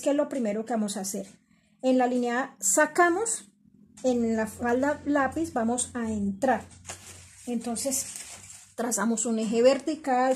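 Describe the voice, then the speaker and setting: A woman's voice: on the high side, a little hiss or hum. A middle-aged woman teaching a sewing pattern-making class, explaining each step patiently and repeating measurements, and calling her students "my girls". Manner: addresses students warmly as "my girls". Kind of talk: step-by-step instructional lesson.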